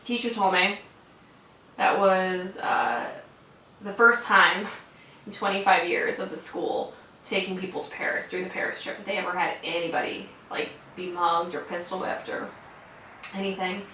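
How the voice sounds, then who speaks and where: A young American woman recounts a story in loose, everyday talk, peppered with "like" and swearing. Her voice is bright and forward. The recording is roomy, with the mic set back from her. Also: lowish voice, fairly even intonation, moderate pace, a little hiss or hum. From United States. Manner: casual, swears freely, filler "like" throughout. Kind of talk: casual personal storytelling. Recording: roomy sound from a distant mic.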